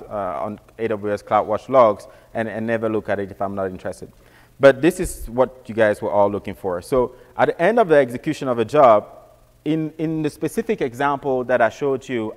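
A man's voice: medium pitch, in a large hall. A man giving a casual technical walkthrough, often repeating words and restarting phrases. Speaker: presenter.

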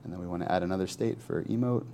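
Man, deep voice, screen-share tech demo, thinking aloud, conversational. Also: rapid-fire, mellow, slight background noise. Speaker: software developer demoing a tool.

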